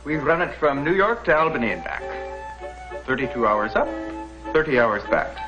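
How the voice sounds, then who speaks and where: An actor playing a jovial Irish captain from the past in a scripted drama, with a leprechaun-like lilting brogue and folksy, chuckling manner. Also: male voice, medium pitch, sing-song, moderate pace, highs cut off, music in the background, close to an everyday voice. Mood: merry, folksy. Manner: chuckling, folksy, exclaiming storyteller. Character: jovial red-haired Irish-American steamboat captain from the past. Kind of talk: scripted educational drama acting.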